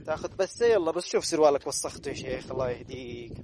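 A man with a Gulf Arabic accent coaxing small children in a playful, animated way at an outdoor playground. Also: mid-range voice, racing, slight background noise. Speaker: vlogger. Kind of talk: casual talk to small children.

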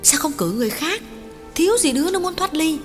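A woman voicing the dialogue of an audiobook story, expressive and rising sharply when alarmed. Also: extremely high pitch, brisk. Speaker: voice actor in an audiobook. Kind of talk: acted dialogue in a read story. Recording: long reverb with music underneath.

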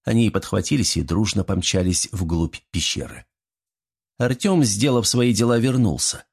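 A man reads a fantasy story aloud in an even, steady storytelling manner. His voice is low and husky, with a slightly rough grain. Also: normal speed. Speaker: audiobook narrator. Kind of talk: scripted fantasy audiobook narration.

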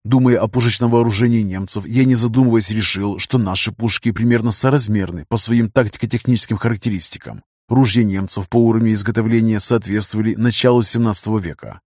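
A man reading a first-person adventure audiobook in a measured way, slowing down for quoted speech. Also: fairly low pitch, fairly even intonation, darkish tone, no echo, clean studio sound. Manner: measured, slows down for dialogue and dictated letter. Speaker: audiobook narrator.

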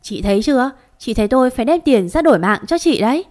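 A woman's voice: on the high side, expressive, fast talker, darkish tone, close to an everyday voice. A woman reading an audio story, voicing a bitter, scornful older mother-in-law who scolds and blames. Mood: scolding. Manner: scolding and reproachful.

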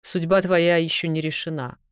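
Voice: medium pitch, steady tone, normal speed, clean tone, no room sound, clean studio sound, close to an everyday voice. A reader voicing a stern nobleman who questions and gives orders coldly. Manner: cold, commanding, interrogating. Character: stern commanding nobleman, a baron.

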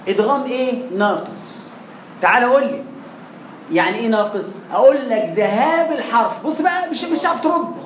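Egyptian guy teaching recitation, quizzes the class then answers himself, bit of hiss behind. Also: high-pitched. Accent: Egyptian Arabic. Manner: asks rhetorical questions and answers them, drills pronunciation. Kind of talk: classroom lesson. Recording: echoey room, faint background noise.

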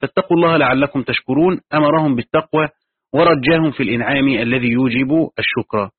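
A man's voice: mid-range voice, quick pace, breathy edge, no room sound. A man teaching Quran commentary, reading from a tafsir text and adding his own explanations. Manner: reads the text aloud, then adds his own explanations. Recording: tinny phone-like lo-fi recording.

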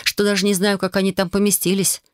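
A woman reading a first-person fantasy audiobook, expressive and flustered in the heroine's lines. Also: medium pitch, fast talker, dry recording, clean studio sound. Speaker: audiobook narrator.

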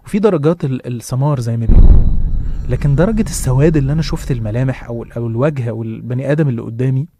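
A man with an Egyptian accent narrating a horror story in a hushed way, restarting his phrases. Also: medium pitch, very fast, slight background noise. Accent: Egyptian Arabic.

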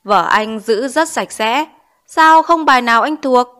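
A woman's voice: a little high, moderate pace, fairly bright tone, lightly acted. A woman voicing a stern male village schoolteacher in an audiobook, scolding with pointed questions. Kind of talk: audiobook character reading.

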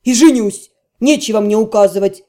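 A hot-tempered blond male mage bellows gruff accusations, as a woman reading a fantasy audiobook drops her voice for him. His voice is dark and mellow, pitched lower than the narrator's own. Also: moderate pace, natural voice. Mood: defiant.

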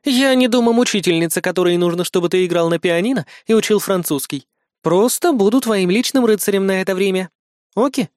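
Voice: medium pitch, a little fast, dry recording, studio quality, pitched above the performer's own voice, close to an everyday voice. A reader voicing a tough young female agent in an audiobook, curt and commanding, with a mocking edge. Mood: stern, sarcastic. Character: tough young woman agent, stern and sarcastic.

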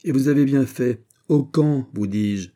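A man's voice: medium pitch, unhurried, dark tone, pitched above the performer's own voice, lightly acted. A man reading an audiobook, voicing an imperious male general who speaks in a stern, sonorous way. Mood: commanding. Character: commanding middle-aged male general. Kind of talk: audiobook character voice.

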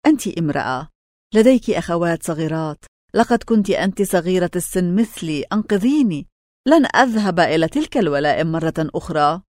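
A woman's voice: lively intonation, a little fast, darkish tone, no echo, clean studio sound, close to an everyday voice. Nydia, a woman voicing a pleading blind slave girl. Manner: high, tearful pleading.

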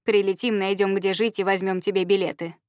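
A woman's voice: medium pitch, flat delivery, brisk, darkish tone, dry recording, studio quality, lightly acted. A woman voicing a firm, commanding woman who gives short orders, in a memoir reading.

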